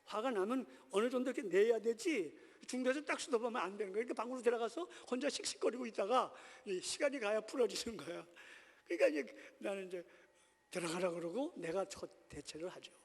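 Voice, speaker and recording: A man from Seoul, a pastor preaching a sermon, telling stories and acting out little scenes, dropping to soft low asides and then rising to loud exhortation. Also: quick pace, long reverb tail. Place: church sanctuary.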